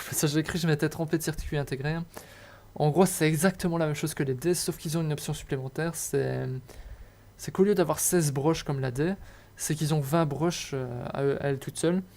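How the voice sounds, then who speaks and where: This young man's voice is fairly high with a darkish tone as he walks through a hobby electronics tutorial over slides. He sounds hesitant and casual, piling up fillers and restarts and poking fun at himself.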